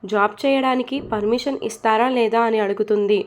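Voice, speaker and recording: Woman, storyteller, storybook narration, expressive, higher voice. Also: brisk.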